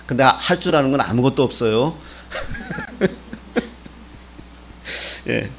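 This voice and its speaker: A middle-aged man preaching a Sunday sermon, with a voice of ordinary pitch for a man. He is a pastor from Gangwon Province who delivers his message as folksy storytelling. He keeps it conversational and lightly humorous. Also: slow, creaky, fairly bright tone, slight background noise. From Gangwon Province, Korea.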